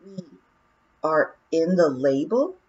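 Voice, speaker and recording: A woman's voice: low-pitched, very animated, slow pace, a little mellow, slightly rough, muffled recording, full character voice. A woman voicing a determined, practical young girl who speaks earnestly.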